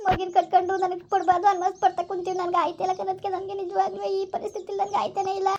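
A woman's voice: very high-pitched, monotone, racing, highs cut off, very noisy. A woman playing a desperate young sister who anxiously begs for help in an amateur village drama. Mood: pleading. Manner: pleading, anxious.

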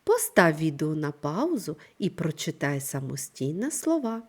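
A woman teaching a primary school reading lesson, speaking slowly and clearly in an instructive manner. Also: low-pitched. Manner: slow, clear, instructive delivery with lively intonation. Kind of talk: scripted online reading lesson.

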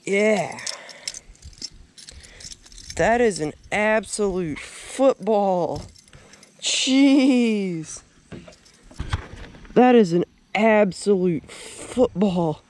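This young adult American fishing vlogger has a voice that sits high yet carries a darkish tone. He chats folksily and casually on a small boat on a lake, looping back to short phrases, with an action camera worn or at arm's length catching boat and outdoor background noise.

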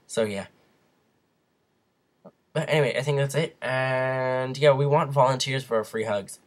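A young man with hiccups, giving a rambling casual update to viewers on his computer's mic at home. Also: medium pitch. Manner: rambling, restarts, frequent fillers. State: has hiccups; sick. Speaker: vlogger. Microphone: computer webcam mic.

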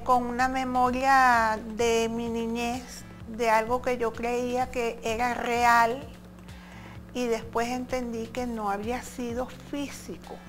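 A woman's voice: on the high side, poor audio. A woman in her sixties from Venezuela with a Venezuelan accent, answering earnestly as a guest in a studio interview on a lapel mic. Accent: Venezuelan Spanish. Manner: earnest, explanatory, starts with "a ver". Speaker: interview guest, spiritual channeler. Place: TV studio with green backdrop.

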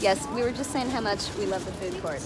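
A woman in her thirties hosting a casual vlog at an outdoor holiday market, bubbly and quick to laugh, filmed on a handheld phone. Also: medium pitch, heavy background noise. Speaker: host. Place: outdoor holiday market in a busy city park. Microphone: phone camera held at arm's length. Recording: outdoor phone video with loud crowd. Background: loud crowd.

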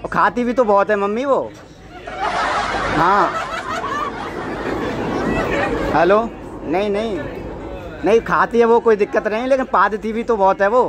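A young man loudly faking a phone call as a prank on a metro train, cooing and coaxing the person on the line. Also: high voice, measured pace, pauses often. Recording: busy crowd and loud noise behind.

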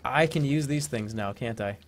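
A man streaming gameplay commentary, excitable, with swearing outbursts and frequent laughter. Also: medium pitch, normal speed.

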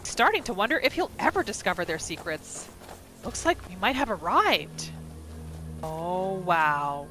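This gaming host has a lowish voice with big swings in pitch and a slightly slow pace. She reacts to the gameplay in roleplay commentary, referring to her character in the third person, with faint game music in the background.

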